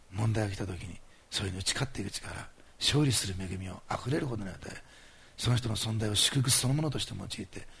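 Lowish and husky, a bit bright and marked by vocal fry, this man's voice carries a pastor's fervent healing prayer. He makes commanding pronouncements while earnestly coaxing those listening.

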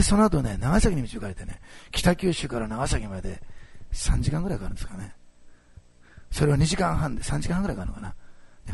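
A man preaching a sermon as pastor, telling a story with animated swings between loud bursts and hushed asides. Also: mid-range voice, no echo. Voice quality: gravelly, husky.

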